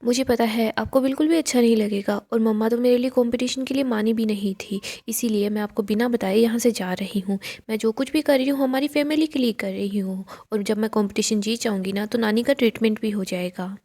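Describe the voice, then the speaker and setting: A woman's voice: a little high, steady tone, brisk, hardly any pauses, mellow. A woman voicing a young daughter, an earnest and determined girl, in a pleading, earnest way.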